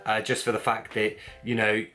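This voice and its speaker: A man with a Wiltshire accent and a fairly low voice chats to his vlog audience. His delivery is informal and blokey, wandering from point to point. Some music sits behind the talk. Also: monotone, moderate pace, sharp tone. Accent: Wiltshire English. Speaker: vlogger, gym owner. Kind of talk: casual chat to viewers.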